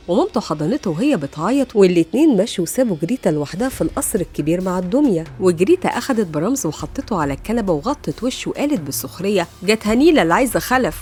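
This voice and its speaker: A woman with an Egyptian Arabic accent telling a film's story as a fast recap narrator. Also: medium pitch, warm tone, husky.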